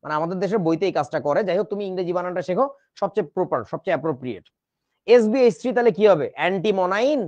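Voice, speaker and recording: A man's voice: high-pitched, lively intonation, very fast, darkish tone, no echo. A man teaching chemistry in a lecture, joking around and spelling out words letter by letter. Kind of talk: classroom lecture. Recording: dull, dry recording.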